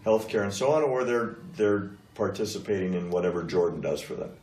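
Man, deep voice, deliberate interviewer, probing questions, roomy distant sound. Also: darkish tone. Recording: echoey room, distant mic.

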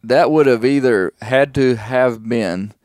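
A man's voice: medium pitch, slow pace, darkish tone, dry recording. A man, chatting casually as an interviewer.

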